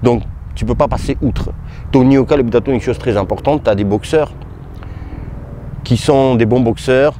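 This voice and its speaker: A man giving casual, halting boxing commentary straight to his viewers, as if chatting with a friend. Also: mid-range voice, warm tone, a little hiss or hum. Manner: hesitant, halting, talks to viewers as "tu". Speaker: boxing YouTuber.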